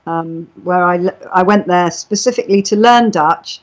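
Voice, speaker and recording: Her voice sits on the low side and moves at a moderate pace as she tells stories and explains things in a chatty way during a casual live stream. English is her first language; the recording has that dull lo-fi internet chat sound.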